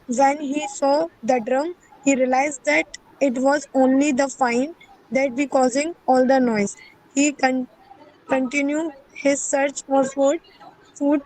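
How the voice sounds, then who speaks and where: High-voiced woman reading haltingly. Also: darkish tone, rough recording. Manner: hesitant, stumbles over words. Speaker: student. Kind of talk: halting read-aloud of a story.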